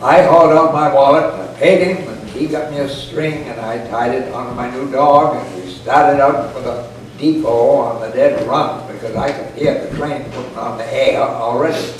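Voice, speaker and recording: Reading aloud to a small audience in an indoor parlor, a man in his eighties or older delivers a folksy, humorous story with dry, rustic humor in a mid-range voice at a moderate pace. The camera microphone sits at a distance, so the room recording is echoey and noisy.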